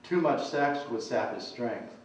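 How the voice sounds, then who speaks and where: A male author reading aloud from his novel in a measured storytelling way. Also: mid-range voice, expressive, a little hiss or hum. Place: large room at a talk. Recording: echoey, distant, dull lecture recording.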